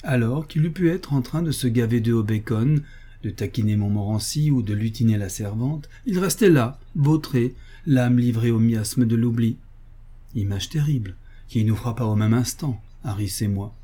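Expressive male audiobook reader. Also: medium pitch, normal speed, slightly rough.

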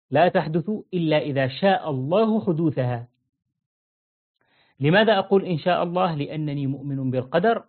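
Man teaching over tinny phone-like audio. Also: fairly high pitch. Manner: quizzes listeners with repeated questions; slows down to stress key phrases. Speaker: religious teacher. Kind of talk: interactive religious lesson.

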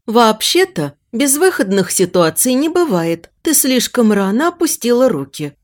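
A bossy invisible spirit, a female voice that grumbles and lectures with a dismissive snort in it, as a woman reads her in an audiobook. Her pitch swings widely as she scolds. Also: very animated, normal speed. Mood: scolding. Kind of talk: audiobook character voice.

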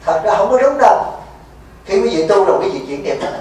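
Monk, echoey hall. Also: male voice, sits high, big pitch swings, fast talker, darkish tone. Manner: folksy, teasing, quizzes the audience. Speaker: Buddhist monk teacher. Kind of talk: dharma talk at a retreat. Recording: echoey hall, mic far off, faint noise.

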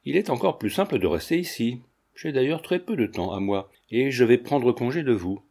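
A man's voice: mid-range voice, animated, moderate pace, a little mellow, slightly rough. A man reading the lines of a haughty, ironic middle-aged mother in an audiobook, in a cool, formal way. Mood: piqued.

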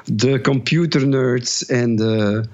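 A man from Kalmthout with an Antwerp Flemish accent, chatting casually and haltingly with many fillers as podcast co-host. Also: mid-range voice, a little mellow, muffled recording. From Kalmthout, Belgium. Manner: rambling, hesitant, many fillers. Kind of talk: casual chat.

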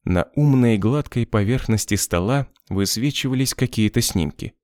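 An audiobook narrator reads a novel from a script in an even, measured storytelling voice of medium pitch. The studio sound is clean with no echo.

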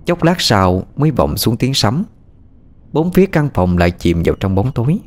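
A man narrating a scripted ghost story in an expressive, suspenseful reading. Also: medium pitch, normal speed.

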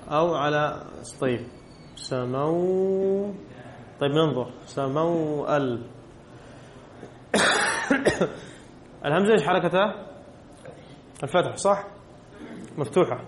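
A man teaches a grammar lesson in a classroom, with a slightly raised pitch. He keeps quizzing the students and going back over the rule. The room echoes, with a faint hum behind him. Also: moderate pace, long pauses, fairly bright tone. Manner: asks the class questions and answers them himself, repeats key rules.

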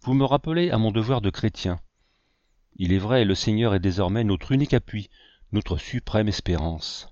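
A man's voice: lowish voice, animated, moderate pace, darkish tone, no echo, close to an everyday voice. A man voicing an anguished, devout old male settler in a storybook reading, on a dull, dry recording. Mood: distraught. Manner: anguished pleading exclamations.

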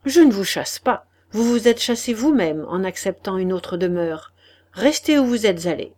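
A woman's voice: medium pitch, wildly swooping pitch, a little slow, dark tone. A woman reading an audiobook, voicing a heartbroken young lover who accuses in a raised, trembling voice. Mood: anguished accusing.

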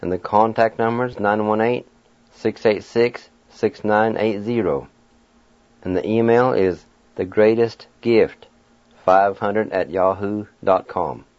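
A man's voice: fairly low pitch, takes it slowly, a little mellow, dry recording, highs cut off. A man reads community news announcements aloud as a presenter, giving details plainly.

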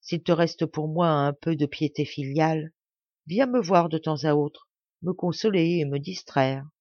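A woman's voice: sits low, steady tone, a little slow, dry recording, lo-fi sound. A woman voicing the sorrowful ghost of a dead mother in a storybook, speaking in a mournful, confiding way.

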